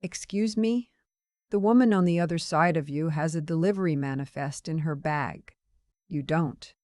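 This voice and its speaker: A woman voicing a calm, courteous man in his sixties, speaking in a measured, quiet way. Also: low voice, dry recording, studio quality, lightly acted.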